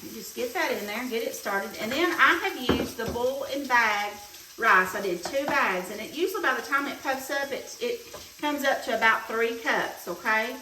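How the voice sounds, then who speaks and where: Talking at normal speed with a highish voice, a woman demonstrates cooking at home, keeping up a homey, chatty patter over the stove. A pan fries and sizzles in the background, and the distant mic captures a roomy kitchen sound.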